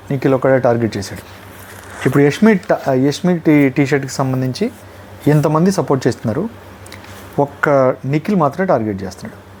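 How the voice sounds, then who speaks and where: A man's voice: mid-range voice, slight background noise. Telugu-accented man reviewing a show. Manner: animated retelling, mimicking contestants' lines. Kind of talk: casual episode review.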